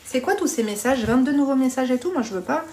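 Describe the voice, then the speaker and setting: A woman's voice: high voice, expressive, fast, warm tone. A woman hosting a live stream, chatting bluntly with viewers, reading their comments and giving dating advice while calling them pet names.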